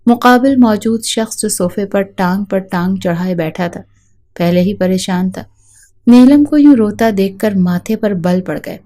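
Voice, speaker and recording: Woman storyteller, steady dramatic storybook narration, mellow dark tone. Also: mid-range voice.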